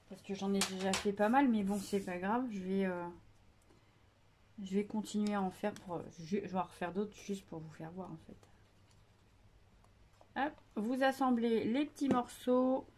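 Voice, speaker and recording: A woman's voice: medium pitch, unhurried, pauses often, a little hiss or hum. A woman hosting a casual scrapbooking tutorial, chatty and hesitant with many fillers, joking about herself.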